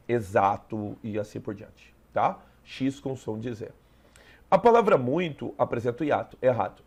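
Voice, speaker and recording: A Brazilian man teaches an exam review lesson with a gravelly, slightly fried voice at a mid pitch. He explains step by step and keeps checking in with the listener. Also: a little mellow. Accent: Brazilian Portuguese.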